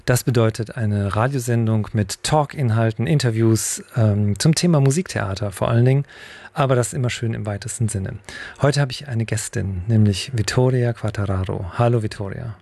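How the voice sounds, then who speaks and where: A man's voice: fairly low pitch, normal speed, vocal fry, dark tone, no echo. A man hosting a radio talk show, chatting loosely with many fillers. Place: radio studio.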